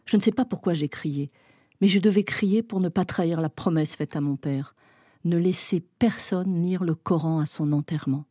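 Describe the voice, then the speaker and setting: A woman reading a novel excerpt aloud in a dramatic, intense way, rising to loud shouting in the heated passages. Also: low voice, no echo, clean studio sound. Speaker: reader.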